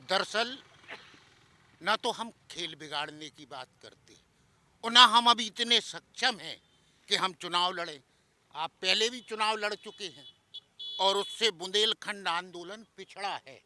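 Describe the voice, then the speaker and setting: A man's voice: sits high, unhurried, bright, forceful tone. A man with a Bundeli accent, an activist making an earnest political case and retelling exchanges in his own words. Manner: earnest, storytelling with quoted exchanges. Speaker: activist interviewee. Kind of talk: impassioned political talk.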